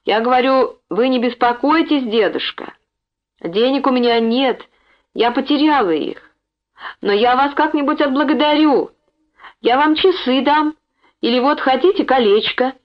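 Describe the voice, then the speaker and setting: A woman's voice: sits high, moderate pace, pitched above the performer's own voice, close to an everyday voice. Woman doing a polite teacher mom, pleading and raising her voice, muffled audio. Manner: pleading, raised voice.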